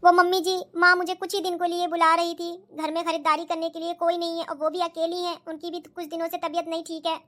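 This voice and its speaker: A polite young daughter-in-law from a cartoon, pleading softly with her family, as a woman voices her. Her voice sits very high and sounds bright and crisp. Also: flat delivery, quick pace, hardly any pauses, a little hiss or hum. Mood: worried. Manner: polite, pleading, soft-spoken. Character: young Indian wife, pleading and dutiful. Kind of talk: cartoon voice acting.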